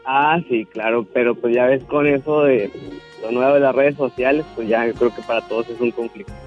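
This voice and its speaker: A man, a radio show guest giving soft-spoken, hesitant answers. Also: medium pitch, steady tone, brisk, highs cut off, faint music behind. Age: 20s.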